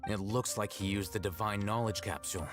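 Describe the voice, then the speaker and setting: Deep, cool-headed scholar Alhaitham played by a man. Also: over loud music, close to an everyday voice. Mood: analytical, detached. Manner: measured, formal, detached. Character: cool, analytical young male scholar.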